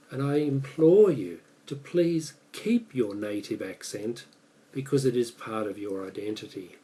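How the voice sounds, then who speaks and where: Slow, mellow-voiced Australian man. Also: mid-range voice, far from the mic, poor audio. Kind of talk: prepared speech.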